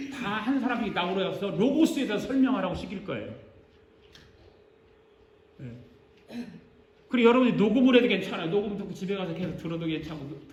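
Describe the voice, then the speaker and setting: Older male pastor preaching, playful and animated, in a roomy, reverberant church. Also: sits high. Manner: animated, joking, acts out congregation responses. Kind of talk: sermon. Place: church sanctuary. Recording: echoey church sanctuary.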